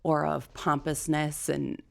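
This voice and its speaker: A woman's voice: deep voice, monotone, measured pace, creaky, slight background noise. A woman co-hosting a podcast, talking frankly and with exasperation about court rulings, laughing often. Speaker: podcast co-host. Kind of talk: casual legal discussion.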